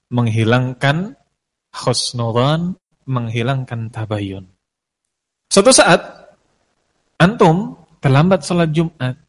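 A man teaching an Islamic lecture to students, explaining verses slowly and then acting out everyday quarrels between friends. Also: mid-range voice.

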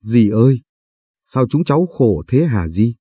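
A man voicing a young girl who sobs and calls out for her dead parents, in a husky, dry read. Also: mid-range voice, sing-song, unhurried, dark tone, dry recording. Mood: grieving. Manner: sobbing, choked.

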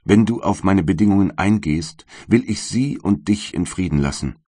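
A man's voice: low-pitched, normal speed, dark tone, breathy edge, no echo, clean studio sound. A man voicing a huge male creature in an audiobook reading, solemn and reproachful. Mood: menacing. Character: hulking male creature, bitter and pleading.

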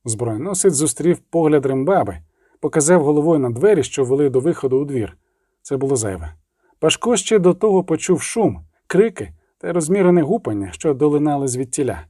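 A man reading a fantasy novel as an audiobook narrator, steady and expressive. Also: fairly high pitch, dry recording, studio quality. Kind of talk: scripted narration.

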